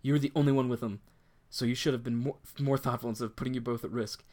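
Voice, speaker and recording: A man's voice: medium pitch, fairly even intonation, fast talker, a little mellow, close to an everyday voice. A man reading a stern reproachful father. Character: stern wealthy middle-aged father.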